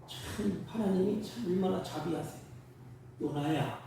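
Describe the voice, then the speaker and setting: A male pastor preaching in a church, his fairly high voice edged with gravel. He swings into loud, emphatic bursts. The sound is echoey and distant, caught from across the hall. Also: measured pace, a little hiss or hum. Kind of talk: sermon. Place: church sanctuary.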